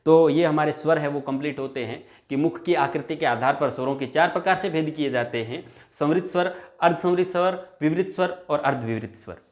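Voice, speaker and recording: A man's voice: a little high, a little fast, few pauses. A male teacher giving a classroom lesson, repeating each point and drawing out example sounds, calling viewers his friends. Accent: Hindi.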